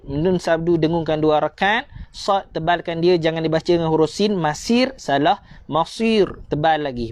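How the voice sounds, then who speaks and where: A man with a Malaysian accent teaching a tajwid lesson online, repeating points and coaxing listeners to recite after him. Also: sits high. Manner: repetitive, coaxing teacher, slows to drawn-out recitation.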